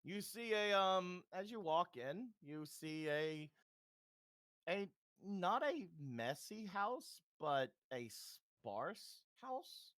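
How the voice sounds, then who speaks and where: Lively man narrating a tabletop game. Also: high-pitched, dry recording. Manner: relaxed, halting with fillers. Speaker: game master.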